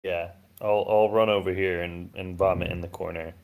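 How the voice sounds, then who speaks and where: A man's voice: low-pitched, steady tone, normal speed, darkish tone, low-quality recording. A man chatting casually as a player in a tabletop role-playing game.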